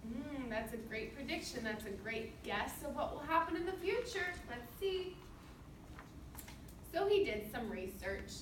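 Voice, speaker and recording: A woman with a high, expressive voice reads a storybook aloud at a measured pace, encouraging her young listeners and often asking them questions. She is a student teacher reading to a class. The recording sounds roomy, with a distant microphone and clear background noise.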